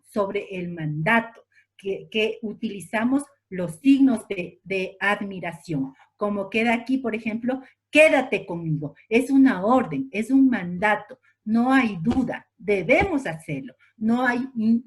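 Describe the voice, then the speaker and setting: An Ecuadorian woman teaching a class, speaking slowly and with emphasis. Her voice sits fairly high and moves up and down a lot. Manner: slow, emphatic, repeats points and asks "¿ya?". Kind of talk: online class lecture.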